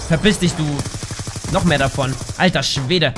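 Man, gaming commentary, excitable, yelps and swears, fairly high pitch, faint noise. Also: moderate pace. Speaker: gaming YouTuber. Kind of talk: casual gameplay commentary. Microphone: desk microphone.

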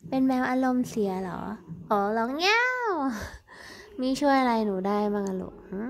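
A woman speaking quietly and gently to her pet cat in soft baby talk. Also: fairly high pitch, normal speed. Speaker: cat owner vlogger.

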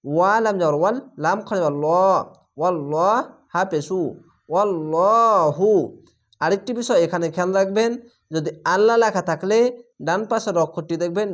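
Guy teaching quran reading, drags out every syllable. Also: high voice. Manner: slow, drawn-out syllable-by-syllable spelling of Arabic words. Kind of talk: spelling-out recitation lesson.

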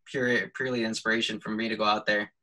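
Bright-voiced, hesitant young photographer. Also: male voice, lowish voice, little pitch movement, fast talker, low-quality recording. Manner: hesitant, full of fillers and restarts, laughs lightly. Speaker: photographer guest. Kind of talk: casual video call chat.

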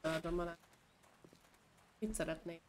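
A woman chatting casually with friends while playing a survival game, quick to react and playfully complaining. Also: on the low side, steady tone, noisy background. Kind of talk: casual gaming chat.

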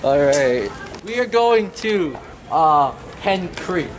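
A man's voice: on the high side, sing-song, slow pace, a little hiss or hum. A teenage boy playfully narrating a walking vlog outdoors, like a tour guide, picked up on a handheld camera. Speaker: vlogger. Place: outdoors at a school and park.

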